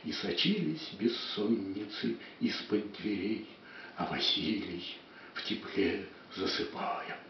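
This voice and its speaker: A man giving a dramatic poetry declamation, with measured, emphatic phrases that swell and fall. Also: fairly low pitch, lively intonation, a little hiss or hum. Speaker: poet reciting verse on stage. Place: echoey room, recorded at a distance. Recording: echoey room, distant dull microphone.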